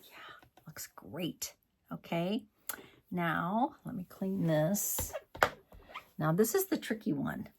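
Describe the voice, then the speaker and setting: Man, card-making demo host, unhurried gravelly delivery, chatty and self-scolding. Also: sits high, animated, a little mellow, slight background noise. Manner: chatty, scolds himself and mutters asides. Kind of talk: crafting tutorial.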